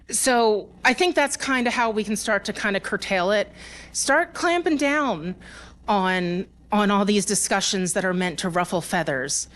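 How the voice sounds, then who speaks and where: A woman's voice: mid-range voice, a bit bright. Woman giving a conversational conference talk. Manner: conversational, with frequent fillers and restarts; laughs between points, engages the audience. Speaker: conference speaker. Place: conference hall with a live audience.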